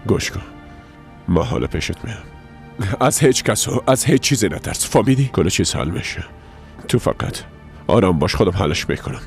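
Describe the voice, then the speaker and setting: A deep, gravelly father figure in a dubbed drama. He speaks low and commanding, with quiet control. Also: long pauses, faint music behind. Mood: firm soothing. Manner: calm commanding, turning urgent. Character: stern middle-aged father and interrogator.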